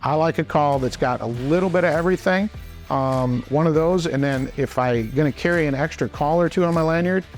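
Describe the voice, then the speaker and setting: With faint music in the background, a man speaks a little high and a little fast as he explains hunting calls. This expert instructor keeps it straightforward, demonstrating conversationally and breaking everything into steps.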